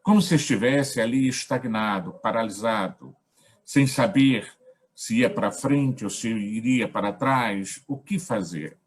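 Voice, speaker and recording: A man with a Brazilian accent facilitating a gospel study, talking in a measured, reflective way in short phrases. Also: fairly low pitch. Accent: Brazilian Portuguese. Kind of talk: reflective spiritual talk.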